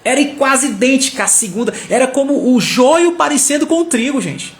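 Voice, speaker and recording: A man preaching a sermon as a story, animated and acting out the characters' lines. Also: very high-pitched, moderate pace. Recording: echoey room with faint music.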